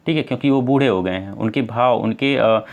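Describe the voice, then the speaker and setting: A man's voice: on the low side, a little fast, vocal fry, highs cut off. A man with a North Indian Hindi accent teaching an exam-prep lesson, explaining step by step and answering his own questions. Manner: addresses viewers as friends, many fillers.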